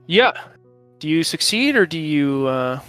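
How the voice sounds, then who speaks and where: A man with a bright voice leads a tabletop role-playing game as game master. He improvises narration and explains rules informally and haltingly, with faint music behind him. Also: on the high side, big pitch swings, smooth.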